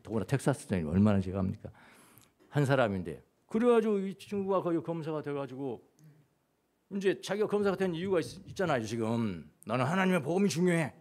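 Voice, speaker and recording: A middle-aged man, a pastor, preaching a sermon in church and telling a story, moving between loud and hushed tones. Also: sits high. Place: church sanctuary.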